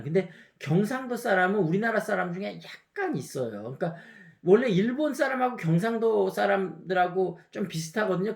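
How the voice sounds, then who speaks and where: An English teacher in his fifties, speaking with a slight Gyeongsang Korean lilt, chats through a pronunciation lecture and demonstrates words aloud. His voice is high and gravelly, in a roomy-sounding space.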